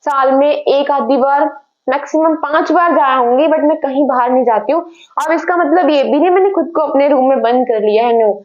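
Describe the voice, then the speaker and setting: A woman's voice: high-pitched, moderate pace. A young woman vlogging from her room, talking casually to her viewers and slipping English phrases into her talk, often correcting herself. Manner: chatty, mixes English phrases into Hindi, self-correcting. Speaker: study vlogger preparing for a civil service exam. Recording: slightly dull lo-fi sound.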